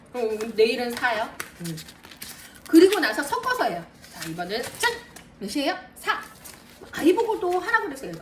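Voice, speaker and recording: A woman math tutor giving a lively lesson to parents, counting aloud and talking straight to mothers. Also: high voice, recorded from a distance. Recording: roomy, a bit off-mic, faint noise.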